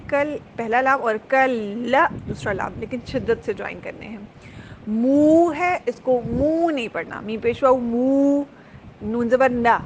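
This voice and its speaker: Brief: fairly high-voiced woman, patient recitation teacher, faint hiss behind. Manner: patient, repeats sounds slowly, drawls recited words. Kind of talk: tajweed lesson, explaining letter sounds.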